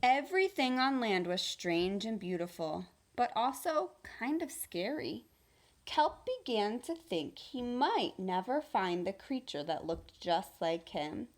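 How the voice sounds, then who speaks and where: Reading a children's storybook aloud the way a teacher does, a woman tells the tale expressively and deliberately in a medium-pitched voice.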